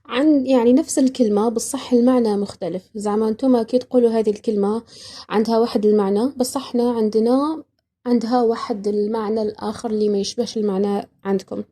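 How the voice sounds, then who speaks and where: Woman, Iraqi accent, higher voice, mellow warm tone, playful casual podcast host. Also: fast talker. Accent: Iraqi, speaking Algerian dialect. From Iraq. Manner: playful, laughs often, animated emphasis. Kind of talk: casual explainer chat.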